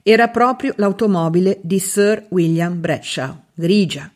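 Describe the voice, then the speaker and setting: A woman narrating a literary novel as an audiobook reader, in a measured, expressive reading with dramatic pauses. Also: fairly low pitch.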